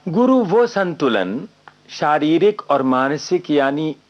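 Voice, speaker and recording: A man's voice: a little high, expressive. An actor in a radio play voicing a thoughtful man who muses on life to his friend. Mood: reflective. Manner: slow, reflective, lecturing his friend. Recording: dull lo-fi radio recording.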